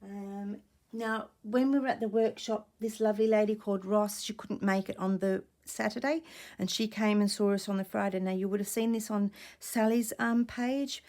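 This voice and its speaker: Soft-spoken croaky woman with a mellow voice. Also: medium pitch, fairly even intonation, normal speed, few pauses. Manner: soft-spoken, rambling, drifts into near-whispers. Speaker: vlogger showing vintage finds. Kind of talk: casual show-and-tell chat. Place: small room at home. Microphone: camera or tablet on a desk.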